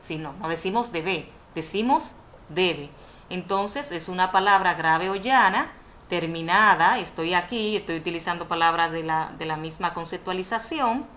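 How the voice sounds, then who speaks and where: A woman's voice: on the low side, moderate pace, fairly bright tone. A woman teaching a university Spanish course over a webinar, explaining rules step by step and correcting herself as she goes. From Dominican Republic. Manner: didactic, repeats definitions, self-corrects with "perdón". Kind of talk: webinar lecture on Spanish spelling. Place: indoors, online video conference. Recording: faint background noise, webinar audio.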